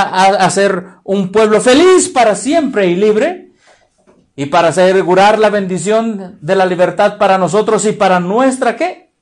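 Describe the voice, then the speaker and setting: A man with a Mexican accent preaching a sermon, quizzing his listeners with repeated questions and stretching out key words for stress. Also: high-pitched. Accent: Mexican Spanish. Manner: emphatic, drawn-out stresses.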